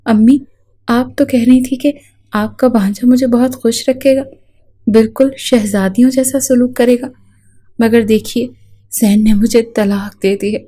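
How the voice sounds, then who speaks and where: A distraught young wife pleads through her tears, voiced by a woman reading the story. The tone is mellow and low-lit rather than bright. It is delivered as part of a spoken storybook. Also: steady tone, lightly acted. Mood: anxious. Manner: pleading, tearful.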